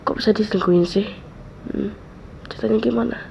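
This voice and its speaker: A woman in a whispered role-play, soothing a friend softly and repeating comforting words close to the mic. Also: medium pitch, fairly even intonation, fairly quick, gravelly. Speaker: ASMR role-play creator. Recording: dull lo-fi mic with faint hiss.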